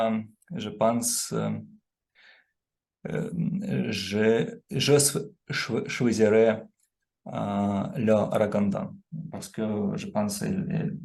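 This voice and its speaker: A man answering a question on the spot, halting and searching for his words. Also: lowish voice, gravelly, darkish tone. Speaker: club member answering a question. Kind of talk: impromptu answer.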